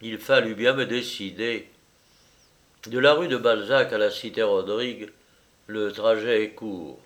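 A man narrating a novel in the first person, in a measured, expressive, confiding manner. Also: on the low side. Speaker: audiobook narrator.

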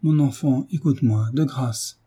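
A man reading a novel aloud, voicing a gentle mother who pleads tenderly but stays firm with her son. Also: medium pitch, normal speed, breathy edge, natural voice.

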